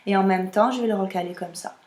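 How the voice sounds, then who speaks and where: A woman's voice: mid-range voice, quick pace, a little mellow. Woman singing teacher in an echoey room. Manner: explanatory, demonstrates vowels with her voice. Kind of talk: vocal technique lesson.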